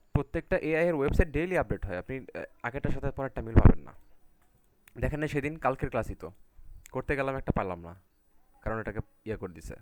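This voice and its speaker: A man with a medium-pitched, slightly mellow voice teaches a live online class over a video call. He talks casually and keeps checking in with his students by repeating "ঠিক আছে?".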